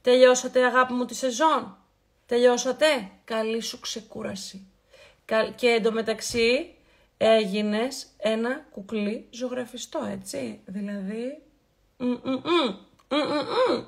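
A woman hosting a casual live skincare stream. She talks in a chatty, affectionate way, greets viewers by name and playfully repeats words for emphasis. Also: fairly high pitch. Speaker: beauty livestream host.

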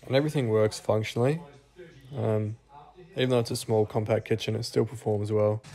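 A young Australian man giving a relaxed, self-deprecating voice-over walkthrough of his renovated house. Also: fairly low pitch, fairly quick. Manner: laid-back, self-deprecating. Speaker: home renovation vlogger. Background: soft guitar music.

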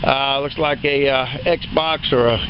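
Strolling the grounds of an outdoor sale yard, this man gives an unscripted preview tour as the auctioneer, listing items in a meandering, folksy manner full of fillers. He has a mid-range, steady voice and takes his time. The recording has its highs cut off and a noisy background.

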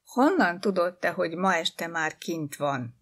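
A woman putting on a brisk, bossy cook. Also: on the low side, expressive. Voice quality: raised, firm, louder than the narration.

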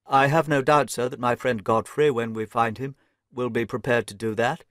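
A man voicing an earnest, excitable young gentleman. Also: medium pitch, normal speed, dry recording, clean studio sound, lightly acted.

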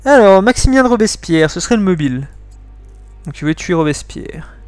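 A man's voice: high-pitched, sing-song, fairly quick, smooth, dry recording, faint music behind. A man reading game text aloud and chatting casually over his playthrough, swearing at his slip-ups. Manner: chatty, swears when he slips up. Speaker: let's play host.

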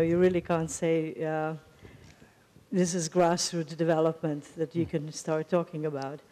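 A woman's voice: fairly low pitch, mellow. A woman in her fifties, a professor on a university panel, explaining her points emphatically into a handheld mic. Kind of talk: panel discussion remarks. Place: lecture hall stage panel. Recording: long hall reverb.

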